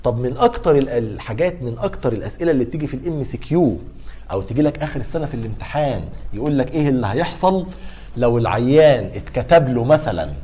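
A man's voice: medium pitch, mellow. A middle-aged man with an Egyptian accent giving a university pharmacology lecture, asking and answering his own questions to coax his students along. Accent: Egyptian Arabic.

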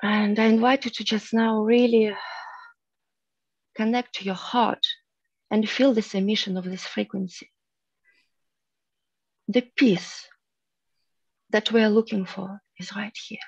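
A woman in her thirties leads a spiritual teaching on a headset mic, her tone soft and earnest. She lingers on words with long pauses. Her voice sits mid-range, and the dry, slightly dull video call audio keeps the room out of it. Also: medium pitch, fairly even intonation, husky, dry recording. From Russia. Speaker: meditation group leader. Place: room at home, indoors.

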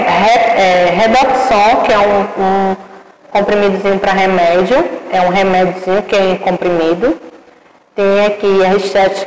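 Slow, patient woman teacher. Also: medium pitch. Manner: syllable-by-syllable, slow and patient, affectionate. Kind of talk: early literacy lesson for children. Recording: echoey room with long reverb.

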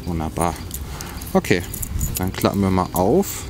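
This low-sitting male voice swings widely in pitch and moves a little slowly as he works through a budget survival kit outdoors beside a log on the grass. He thinks out loud while handling each piece in a relaxed product review, with music underneath and a noisy background.

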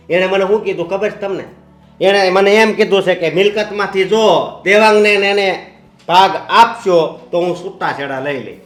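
A man's voice: high voice, fairly bright tone. A quarrelsome son hungry for his inheritance, as an actor plays him. He argues, and the echoey room rings around his pressing tag questions. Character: grasping son and heir, quarrelsome.

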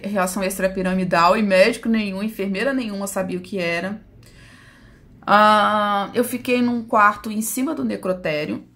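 A woman's voice: mid-range voice, a bit bright. A woman from Brazil, host of her own channel, telling viewers an emotional personal story and often calling them "gente".

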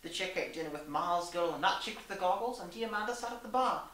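Reading a story in an arch, mock-genteel, theatrical style, this young woman talks fast with an animated, lowish, fairly bright voice. The recording comes from a small room indoors, echoey and captured from a distant microphone.

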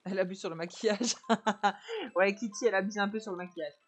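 A woman chatting softly with viewers while she streams a video game on a headset mic. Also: medium pitch, a little fast, slightly rough. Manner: soft-spoken, chatty with viewers. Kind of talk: casual live-stream chat while playing. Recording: game music under the voice. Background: game music.

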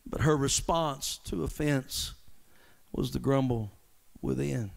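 A pastor with a high, gravelly voice preaches in a church. He climbs into shouted peaks, then drops to near-whispered asides. Between points he teases the congregation. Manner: impassioned preaching that swings from shouts to hushed asides; banters with the congregation. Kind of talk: sermon. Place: church sanctuary.

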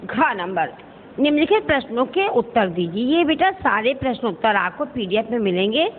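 A woman's voice: on the high side, sing-song, in a large hall, a little hiss or hum. Patient teacher woman, tinny phone audio. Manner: patient, addresses pupils as "beta", repeats slowly for dictation. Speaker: school teacher. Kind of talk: online class lesson.

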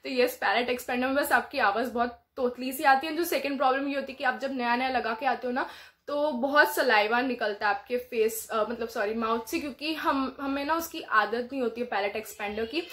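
A woman's voice: fairly high pitch, a little fast, fairly bright tone. Chatty young woman talking with braces on. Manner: chatty, mixing Hindi and English, laughs often. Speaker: vlogger. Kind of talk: casual chat.

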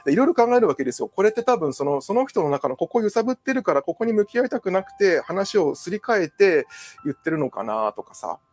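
A Japanese man, a psychological counselor, chats casually alone, digressing often and using lots of fillers. He talks fast in a high, darkish voice with big pitch swings, over soft background music.

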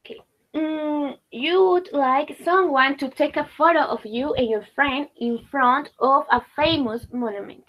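A woman's voice: high voice, slow, a bit bright, rough recording. A woman teacher leading a class, patiently repeating and praising student answers.

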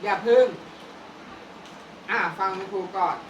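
A woman kindergarten teacher running a classroom vocabulary drill. She repeats each word slowly and coaxes the children while staying firm. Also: mid-range voice, muffled recording. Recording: echoey room from far off, clear noise.

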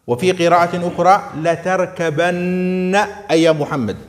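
A man teaches a grammar class with a somewhat high voice. His words ring out with a long reverb, as in a large hall. He often stops to ask the students whether they understand. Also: darkish tone. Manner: questioning students, checking understanding. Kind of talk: classroom lesson.

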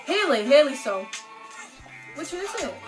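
A woman hosting a casual challenge vlog, chatting excitably with giggles and exclamations. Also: sits high, moderate pace. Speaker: video host. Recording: distant mic with background music.

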